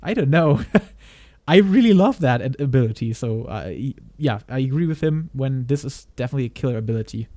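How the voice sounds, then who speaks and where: A man's voice: mid-range voice, lively intonation, fairly quick, warm tone, dry recording. A man streaming a reaction video, talking hesitantly with frequent restarts and laughs. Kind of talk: live stream reaction commentary.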